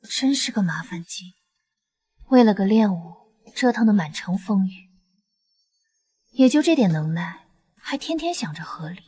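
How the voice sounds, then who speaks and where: A woman's voice: mid-range voice, expressive, unhurried, long pauses, warm tone, husky. A woman playing a haughty, cool young noblewoman, disdainful and scornful, in a dramatised story.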